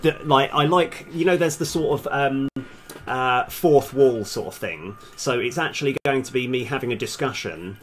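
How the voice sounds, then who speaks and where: While live streaming as a game developer, a man thinks aloud in a casual, hesitant, self-deprecating way. His voice is medium-pitched with a moderate pace.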